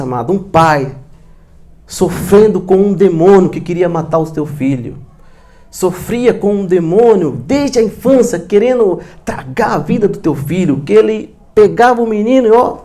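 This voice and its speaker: A Brazilian man preaching a sermon in church, earnest and repetitive, often addressing his listeners as beloved. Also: sits high. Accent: Brazilian Portuguese. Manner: earnest, repeats "amados", drops into quiet emphasis. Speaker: pastor.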